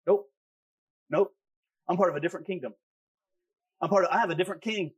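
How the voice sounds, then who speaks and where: A man's voice: high-pitched, a little fast, dull audio. A man preaching a sermon as pastor, emphatic and repeating key phrases for effect. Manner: emphatic, repeats key phrases, talks back to his own flesh.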